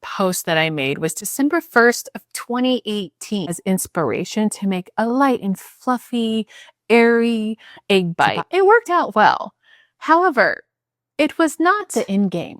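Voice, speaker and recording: Woman, home cook, unhurried talk, dry sound, chatty, laughs at herself, careful step-by-step. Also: medium pitch, sing-song, dry recording. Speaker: home cook showing a recipe. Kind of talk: casual cooking tutorial. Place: home kitchen.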